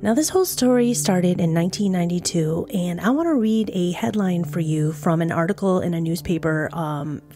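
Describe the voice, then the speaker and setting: Low, mellow-voiced woman podcast host. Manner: conversational storytelling with asides. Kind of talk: true crime narration.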